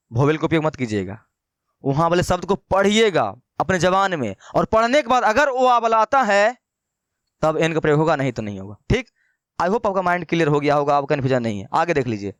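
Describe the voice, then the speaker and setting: Brief: male tutor, high and smooth voice, dry close sound, asks his own questions and repeats points. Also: fairly bright tone, dry recording. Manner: slows down to dictate notes. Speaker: English teacher. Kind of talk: online grammar lesson.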